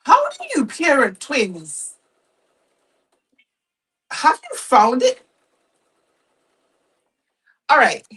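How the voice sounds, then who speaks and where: A woman in her thirties chatting to her viewers as she sews, expressive and talkative, slipping into exasperated quoted speech. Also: sits high, very slow, long pauses, recorded from a distance, low-quality recording. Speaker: sewing vlogger. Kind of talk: casual chat while sewing, reading viewer comments.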